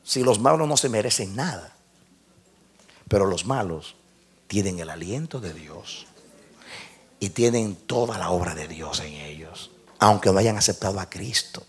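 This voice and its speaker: Male preacher, husky and gravelly, big pitch swings, animated sermon delivery. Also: a little slow, long pauses. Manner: animated, swinging between loud exclamations and hushed asides; acts out conversations with God.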